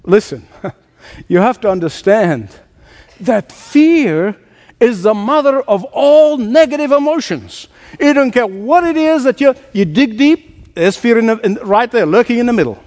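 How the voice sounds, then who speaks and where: A male preacher giving a sermon in an animated way, laughing often and quoting scripture. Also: extremely high pitch, measured pace, long reverb tail.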